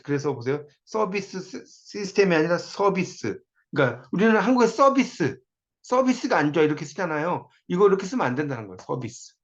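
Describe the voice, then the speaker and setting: A man's voice: on the high side, dull audio. A man giving a recorded spelling lecture in a conversational way, repeating words over and over to drill them.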